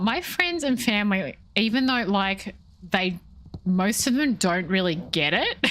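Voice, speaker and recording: A woman's voice: mid-range voice, fairly bright tone. A young woman chatting casually while streaming a game, rambling and breaking off mid-thought. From Australia. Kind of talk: casual chat while gaming live.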